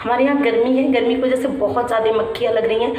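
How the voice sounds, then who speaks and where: A young woman with a sore throat vlogs from a room at home, her slightly high voice holding a steady tone. She speaks softly and reflectively to viewers, halting often and restarting with "matlab." The recording is echoey, with a distant mic and a faint hum.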